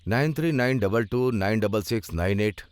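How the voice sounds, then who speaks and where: A man's voice: on the low side, normal speed, a little hiss or hum, close to an everyday voice. A man dubbing a stern police inspector. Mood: firm. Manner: calm, formal and firm. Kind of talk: Hindi film dub. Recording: film soundtrack with loud music.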